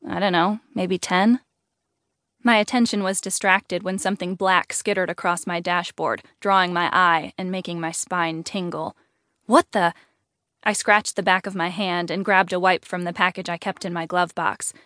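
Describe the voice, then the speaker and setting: A woman reads a first-person audiobook in an even, clear way. Her voice sits a little low and the recording is dry and close. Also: normal speed, hardly any pauses, dry recording. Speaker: audiobook narrator.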